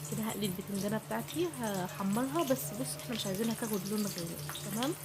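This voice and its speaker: Talking fast over a very noisy recording, this Egyptian woman explains a recipe to her audience in a relaxed, chatty way. She's a home cooking vlogger whose mid-range voice is clearly affected by a bad cold.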